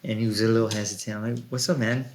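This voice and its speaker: A man's voice: fairly low pitch, fairly even intonation, racing, slight background noise. A man in his late thirties hosting a casual podcast, telling stories in a laid-back way with fillers. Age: 30s. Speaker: podcast host. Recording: roomy echo.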